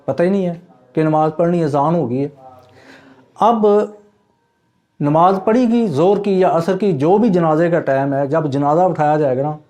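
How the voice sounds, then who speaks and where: A man with a notably high speaking voice delivers a sermon. He exhorts his listeners earnestly, repeating his points and calling them brother. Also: a little mellow. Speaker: preacher.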